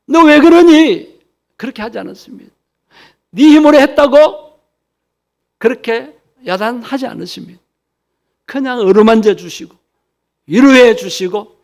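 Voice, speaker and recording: A man's voice: sits high, gravelly, darkish tone. A man preaching a sermon to his congregation at a church service, earnest and exhortative, speaking straight to the people in the pews. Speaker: pastor.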